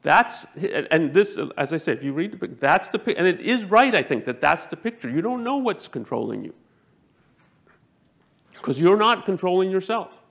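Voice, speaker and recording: A man giving a lecture to a live audience, talking emphatically, jumping up in pitch to stress points and often restarting his sentences. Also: big pitch swings, normal speed, vocal fry, a bit bright. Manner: self-correcting, frequent restarts.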